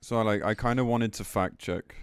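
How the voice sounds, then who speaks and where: Reacting to gaming news on a casual livestream, this streamer reads along and rants bluntly, swearing and sounding exasperated. He has a fairly low, smooth voice at normal speed. The recording is dry, with clean studio sound.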